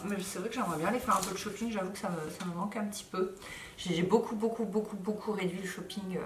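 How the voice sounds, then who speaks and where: A woman in her thirties chatting casually to camera as a vlogger, tired, with lots of fillers and lively asides. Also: on the low side. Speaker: lifestyle vlogger. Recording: roomy echo, mic a bit far.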